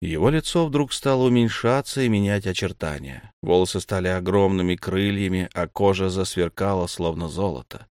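A man reading an audiobook in steady scripted narration, close to the mic. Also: low-pitched, moderate pace, few pauses, clean tone, dry recording.

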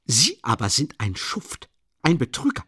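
Brief: a man voicing a high, shrill young zealot, vehement and wildly lively, dry close audiobook sound. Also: normal speed, dry recording. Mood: indignant. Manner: shrill, vehement, repeating himself. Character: young earnest indignant male idealist.

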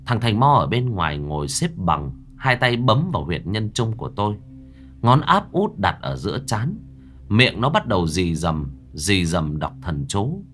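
A man tells a ghost story in the first person, his low voice rising and falling dramatically with every turn. Soft music plays quietly underneath. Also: sing-song, measured pace. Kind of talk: horror story narration.

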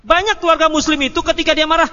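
High-pitched preacher in an echoing hall. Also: male voice, racing. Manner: animated, acts out dialogues, joking asides. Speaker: Islamic preacher. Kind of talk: religious study lecture with Q&A. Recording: muffled hall recording with long echo.

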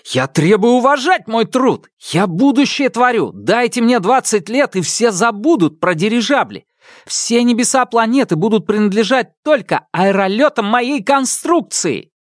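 A man's voice: very animated, slow pace, hardly any pauses, a little mellow, no echo, studio quality. A man voicing a hot-headed young male inventor who rants in a raised, indignant voice. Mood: ranting. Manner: shrill, ranting, indignant.

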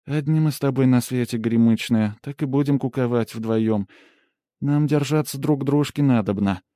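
A man voicing a domineering, wheedling middle-aged woman in a dry, close audiobook reading, shrill and theatrical. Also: normal speed, mellow, no echo, natural voice. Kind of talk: audiobook character voice.

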